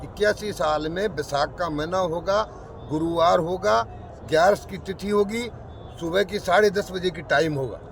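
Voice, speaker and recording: A man of seventy, a Naga sadhu, slowly and plainly recounting his life in an outdoor interview. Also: high voice, creaky. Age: 70s. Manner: slow, repetitive, plain-spoken recounting. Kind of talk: casual storytelling in an interview. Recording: outdoor recording with loud traffic noise.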